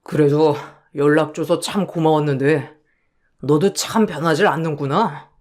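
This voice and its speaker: A man playing a gentle husband in a radio drama who coldly rebukes the friend who swindled him. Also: fairly high pitch, measured pace, close to an everyday voice. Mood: bitter. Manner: bitter, cold, reproachful. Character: kind-hearted husband, finally fed up with a swindler friend.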